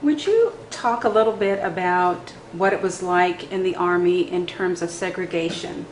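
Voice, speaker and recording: Female interviewer, slightly low voice, casual questioning for an oral history, roomy echo. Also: normal speed. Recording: echoey room, faint background noise.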